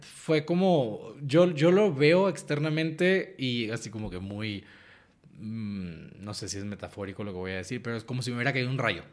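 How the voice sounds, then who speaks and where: In a laid-back interview, a young writer and actor with a Mexican Spanish accent shares stories with lots of energy and frequent laughter. His pitch is medium and his pace normal.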